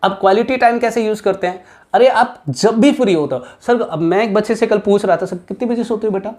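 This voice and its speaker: A man's voice: high voice, fairly quick, darkish tone. A male accounts teacher giving students an emphatic exam-prep lesson, repeating key points and mixing English terms into his speech.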